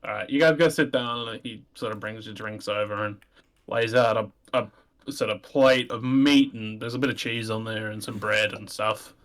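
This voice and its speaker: A man's voice: on the low side, steady tone, normal speed, a bit bright. A man running a tabletop game as game master, narrating in a casual, easygoing way.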